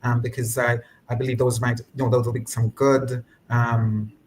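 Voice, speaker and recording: A man, a physician on a panel, speaking in a measured, hesitant way with many pauses and restarts. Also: mid-range voice, level tone, a little hiss or hum, rough recording. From Jamaica. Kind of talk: casual panel discussion.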